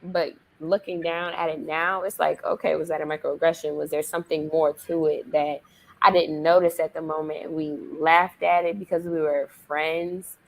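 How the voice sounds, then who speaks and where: A woman's voice: low-pitched, flat delivery, moderate pace, creaky, poor audio. A young woman college student on a discussion panel, speaking in a reflective, earnest way. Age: young adult.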